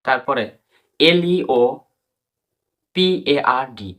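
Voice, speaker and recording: A man with a Bengali accent gives an English pronunciation lesson in a bright, forward voice. He spells each word letter by letter and repeats it slowly for learners. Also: medium pitch, lively intonation.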